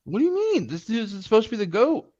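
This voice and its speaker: A man's voice: high-pitched, huge pitch swings, fast talker, a little mellow, no room sound. A young man co-hosting a sports betting show who pushes back with sarcastic, combative jabs and interrupts often. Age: young adult. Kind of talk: casual sports debate. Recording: dull lo-fi mic.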